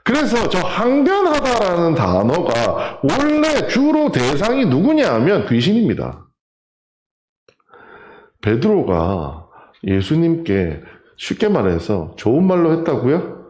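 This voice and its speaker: A man preaching a sermon in a church, his pitch leaping high and low as he acts out the voices of the people in his story and puts questions to the congregation. His voice rings through an echoey sanctuary. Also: huge pitch swings, slow pace, darkish tone. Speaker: pastor.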